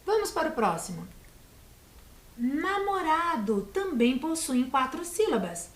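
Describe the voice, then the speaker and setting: A Brazilian woman teacher giving a video lesson to young children, patient and encouraging, sounding out words slowly. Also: high-pitched, sing-song. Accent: Brazilian Portuguese. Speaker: primary school teacher. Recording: echoey room.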